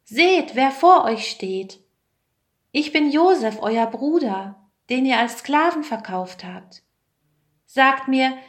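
A woman's voice: medium pitch, animated, slow pace. A woman reading aloud and voicing a powerful man who is overcome with emotion in a storybook tale. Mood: moved. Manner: moved, calling out. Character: powerful man, emotional ruler, forgiving brother.

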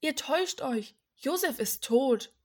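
A woman voicing an old father in a children's story, exclaiming with a voice pitched up in excitement. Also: slow. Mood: disbelieving. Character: old father, shocked then overjoyed.

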